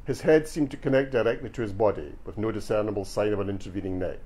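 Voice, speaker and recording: A man's voice: fairly low pitch, fast talker, dark tone. A man from Glasgow with a Scottish accent, reading from his crime novel and talking dryly at a bookshop launch. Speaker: author. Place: bookshop event.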